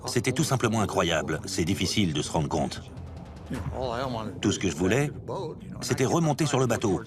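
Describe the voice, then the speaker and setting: A man with a very low voice recounts his experience in the first person, in documentary interview style. Clear music runs behind his words. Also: very animated, normal speed. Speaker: interviewee, shark attack survivor.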